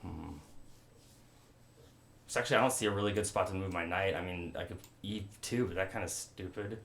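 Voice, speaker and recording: A man's voice: low voice, fairly quick, vocal fry, a bit bright. A young man in casual chat as a chess show co-host, joking and thinking aloud as he plays. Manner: joking, rambling, thinks aloud about moves. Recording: roomy room, faint noise.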